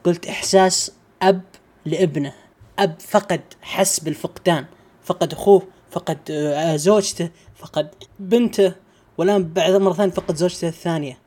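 A woman speaks quickly in a somewhat low voice, talking about a game she reviewed. She is emphatic and stacks repeated phrases one after another in a casual chat. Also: mellow. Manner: emphatic, listing with repetition.

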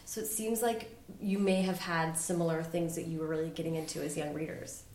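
A woman's voice: deep voice, fairly even intonation, fairly quick, darkish tone. Woman, podcast host, upbeat, enthusiastic, mid-range voice, echoey room. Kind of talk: casual interview.

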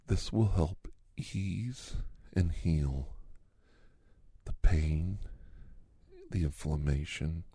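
A man doing an ASMR hand massage role-play, speaking softly and sultrily and often slipping into a whisper. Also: extremely low pitch, drawn-out words, long pauses, breathy edge, no room sound. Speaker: ASMR creator.

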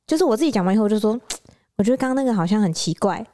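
A woman co-hosting a podcast, telling a story in lively casual chat, often laughing. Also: mid-range voice. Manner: animated, quick storytelling with laughter. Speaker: podcast co-host.

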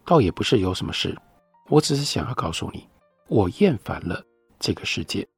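A man's voice: fairly low pitch, a little fast, vocal fry, slightly rough, no echo, faint music behind, exaggerated voice. A man reading as a weary despairing postwar lover. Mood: resigned. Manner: flat, cold, resigned delivery.

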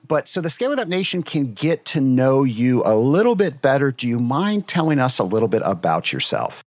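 A man's voice: mid-range voice, big pitch swings, normal speed, a little mellow. A man hosting a podcast, introducing his guest and asking questions in an upbeat, enthusiastic way. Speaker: podcast host. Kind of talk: podcast interview.

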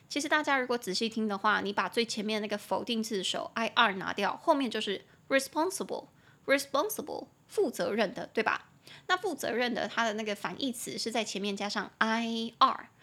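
A young woman with a Taiwanese Mandarin accent hosting a casual podcast English lesson, chatty and playful, spelling English words out slowly letter by letter. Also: a little high, a bit bright. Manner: playful, teasing asides. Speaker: podcast host and English teacher.

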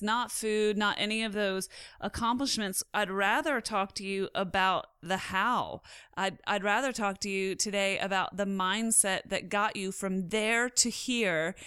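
A woman hosting a podcast, upbeat and quick to laugh, reading a scripted intro and then interviewing a guest. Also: mid-range voice, pushed and bright, smooth, no echo, clean studio sound. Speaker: podcast host.

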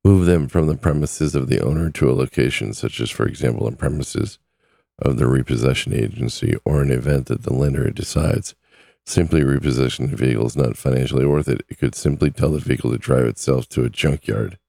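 A podcast host with a very deep, mellow voice and vocal fry chats away on a casual talk show, recorded clean in a studio with no room sound. He is losing his voice and has a sore throat, and he repeats numbers slowly.

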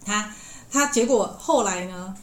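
A woman's voice: mid-range voice, measured pace. A woman podcast host animatedly retelling a classic tale, with many fillers and acted-out quotes. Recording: echoey room with faint hiss.

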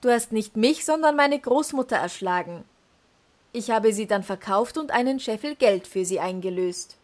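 Brief: crafty, persuasive young farmer in a fairy tale, voiced by a woman, voice a bit high. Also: animated, moderate pace, a little mellow, natural voice. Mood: accusing. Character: sly young peasant man, little Klaus.

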